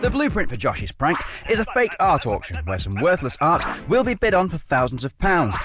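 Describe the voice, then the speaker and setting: Playful male voice-over narrator. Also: mid-range voice. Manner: playful, excitable. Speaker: show narrator.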